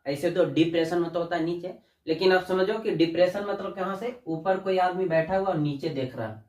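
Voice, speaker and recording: Male teacher, higher voice, talks to students as kids, recorded off-mic in an echoey room. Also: a little fast, darkish tone, recorded from a distance. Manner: addresses students as "बच्चा", asks and answers own questions. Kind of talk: classroom lesson.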